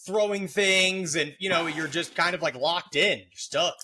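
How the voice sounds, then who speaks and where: Middle-aged podcast host guy, high bright voice, chatty and jokey, lots of um and right. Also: measured pace, slight background noise. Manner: explanatory, joking asides, many fillers. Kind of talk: casual podcast chat.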